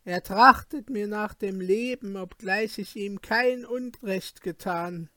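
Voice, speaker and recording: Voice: mid-range voice, slow pace, bright, forceful tone, dry recording. A storybook reader voicing a frightened young prince who talks in an anxious, pleading way, in a dry recording. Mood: fearful.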